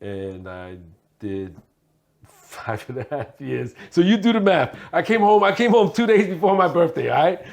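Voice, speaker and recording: A man's voice: fairly high pitch, very animated, normal speed, creaky. A man, a guest talking casually in an interview in a streetwise way, often laughing. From Hong Kong. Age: 40s. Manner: streetwise, laughs while telling stories.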